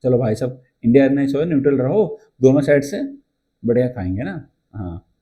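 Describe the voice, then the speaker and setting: A male teacher giving an exam-prep lecture in a chatty storytelling way. He asks his class questions and answers them himself, and he reads English textbook lines slowly. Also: mid-range voice, animated, mellow, muffled recording.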